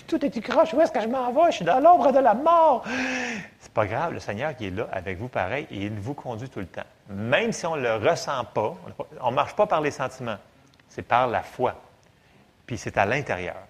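A man with a Quebec French accent preaching a sermon in a lively, conversational way with jokes. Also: medium pitch.

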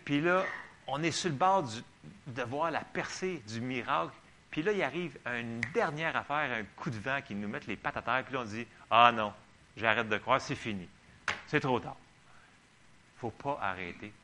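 Lively Québécois preacher man. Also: mid-range voice, slight background noise. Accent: Québécois French. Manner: animated, chatty preaching with asides to the congregation. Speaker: pastor. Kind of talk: sermon with Bible reading.

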